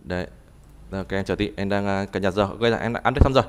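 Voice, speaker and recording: A man teaching a live online language class, talking haltingly and repeating words as he types and explains. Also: lowish voice, clean tone. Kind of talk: live online tutoring session.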